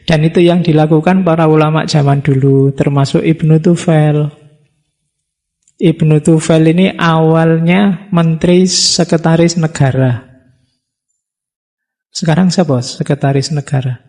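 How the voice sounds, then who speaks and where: Middle-aged javanese guy teaching a mosque study class, gravelly and kinda mellow, chatty with jokes thrown in. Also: on the high side, fairly even intonation, a little slow, pauses often. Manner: chatty, joking asides, plainspoken. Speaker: lecturer on Islamic philosophy. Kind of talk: casual religious study lecture.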